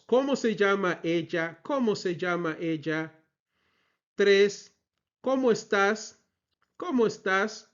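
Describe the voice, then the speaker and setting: A man teaching a Spanish lesson, repeating each phrase slowly before translating it and checking in with "right?". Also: sits high. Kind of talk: slow, deliberate language lesson. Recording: dull, lo-fi recording.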